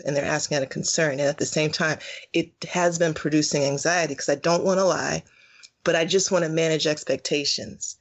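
A woman with a somewhat low voice shares her thoughts in an easygoing podcast conversation. She is expressive, deliberately drawing words out for emphasis. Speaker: podcast co-host. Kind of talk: casual reflective chat.

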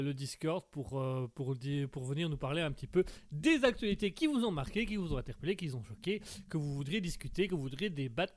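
Punning man streaming live. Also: a little high. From Belgium. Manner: rambling, punning, full of fillers and restarts. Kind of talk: casual live stream chat reading chat messages.

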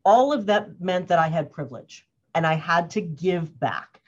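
A woman's voice: fairly low pitch, expressive, normal speed. Lady in her 50s chatting casually, stops and restarts a lot, muffled sound. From US, grew up in Cambridge, Massachusetts. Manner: thoughtful, loose, with many fillers and restarts. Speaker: guest, organizational wellness consultant. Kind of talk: casual interview talk.

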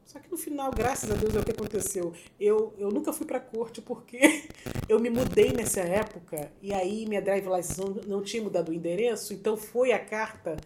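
A middle-aged woman from Brazil, a guest telling a story in casual chat, expressive and often laughing as she acts out quotes. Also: mid-range voice, a little fast, noisy background.

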